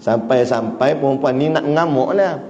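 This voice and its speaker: Animated lecturing man in an echoey hall. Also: mid-range voice, moderate pace. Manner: animated storyteller, chuckles between points. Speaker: religious teacher. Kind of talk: religious lecture with storytelling. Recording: echoey hall, dull lo-fi sound, faint hiss.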